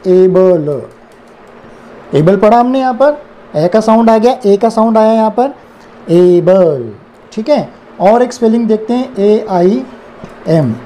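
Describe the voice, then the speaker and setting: Slow, mellow-voiced Indian English tutor. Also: male voice, sits high, slight background noise. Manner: spells words letter by letter, then repeats them. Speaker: English teacher. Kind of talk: slow explanatory phonics lesson.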